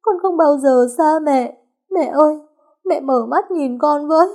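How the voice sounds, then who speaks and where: A woman's voice: sits high, unhurried, mellow, pitched above the performer's own voice. A woman reading an audio story, voicing a young woman crying and pleading over her dead mother. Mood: sobbing. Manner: wailing, pleading through sobs.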